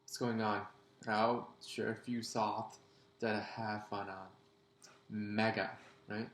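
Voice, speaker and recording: A man's voice: on the low side, level tone, takes it slowly, echoey room. A man sharing casual opinions in a conversational way, often checking in with the listener. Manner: conversational, tags lines with "right?".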